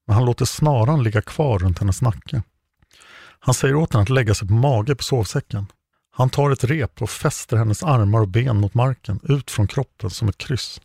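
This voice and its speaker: A man giving a scripted true crime narration with a steady, measured reading. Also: mid-range voice, gravelly, breathy edge, no echo, clean studio sound.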